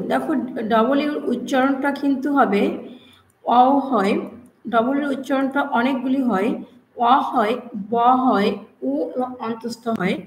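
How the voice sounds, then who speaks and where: A woman with a high voice leads a pronunciation lesson. She works through each letter slowly and repeats every sound so learners can copy it. The recording is from an echoey room. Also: slight background noise. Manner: slow and repetitive, repeating sounds to drill them. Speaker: English teacher.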